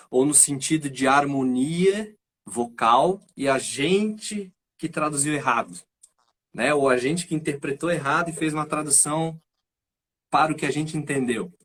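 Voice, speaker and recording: A man's voice: medium pitch, fairly bright tone, breathy edge. A man hosting a live stream, a speech therapist explaining his ideas and checking in with "right?" as he goes. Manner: thinks aloud, frequent "né?" and "certo?" tags.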